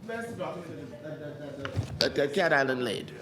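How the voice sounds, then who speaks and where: Bahamian guy chairing parliament, really high voice, formal, keeps repeating himself to make the point. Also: expressive, normal speed, very noisy. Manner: repeats phrases insistently. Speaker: presiding officer of a parliament. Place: parliament chamber.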